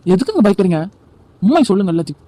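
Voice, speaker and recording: A man voicing a sharp-tongued young daughter-in-law in an amateur cartoon, speaking scornfully and defensively. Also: high voice, big pitch swings, racing, no echo.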